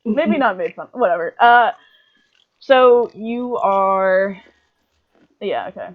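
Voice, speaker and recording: A woman's voice: mid-range voice, lively intonation, slow, narrow, tinny audio. A woman running a tabletop game as game master over a voice call, rambling with lots of filler words.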